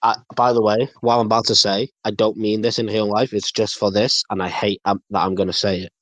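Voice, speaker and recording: A man's voice: lowish voice, flat delivery, brisk, fairly bright tone, no echo. A man hosting a podcast, casually narrating a play-by-play recap while friends chime in. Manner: plays by play, laughing along with friends. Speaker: podcast host. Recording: dull, lo-fi, dry sound.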